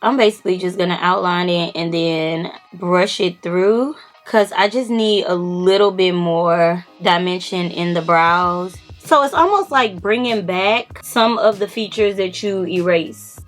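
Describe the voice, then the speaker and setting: A woman's voice: lowish voice, a bit bright. A woman in her young adult years, chatting casually through a get-ready makeup tutorial, filling her talk with "like". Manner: casual, chatty, lots of "like" fillers. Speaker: beauty vlogger. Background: faint music.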